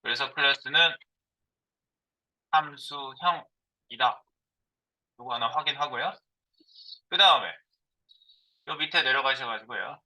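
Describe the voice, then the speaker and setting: A man's voice: medium pitch, measured pace, long pauses, pushed and bright, rough recording. A middle-aged man giving a live coding lecture as a programming instructor. He thinks aloud while he types, asking and answering his own questions.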